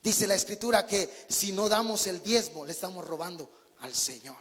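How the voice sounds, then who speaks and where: A man preaches an emphatic, story-driven sermon. His voice sits very high and sounds husky. A long reverb from the church hall hangs behind every phrase. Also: lively intonation, moderate pace, a bit bright.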